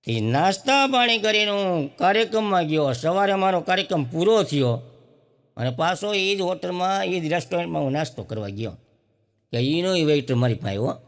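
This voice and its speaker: A man's voice: high voice, expressive, a little fast, big-room sound. A man tells folksy comic stories on stage. He acts out each character as he quotes their lines, and keeps the tale moving. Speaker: stand-up comedian. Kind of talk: comic storytelling.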